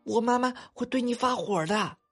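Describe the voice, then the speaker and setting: A man doing an excitable little boy. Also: extremely high pitch, moderate pace, breathy edge, soft background music, voice pushed up, full character voice. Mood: exclaiming. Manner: pleading, shouting at a pet. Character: small excitable boy who wants a pet. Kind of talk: children's story reading.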